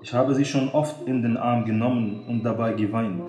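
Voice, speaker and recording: A man's voice: mid-range voice, fairly even intonation, normal speed, crowd noise, voice pushed down, close to an everyday voice. A man reading a sorrowful teenage girl. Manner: plaintive, earnest reading. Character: sad teenage girl grieving her cold mother. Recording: echoey room.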